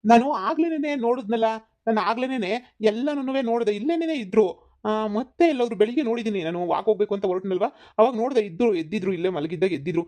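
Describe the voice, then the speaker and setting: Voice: medium pitch, lively intonation, racing, mellow, lightly acted. A voice actor playing a grumbling rich homeowner husband in a cartoon comedy. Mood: puzzled. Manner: grumbling, exasperated.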